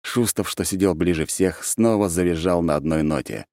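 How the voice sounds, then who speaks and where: A man narrating an audiobook in first person with an expressive, animated reading. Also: sits low, moderate pace, dry recording, clean studio sound.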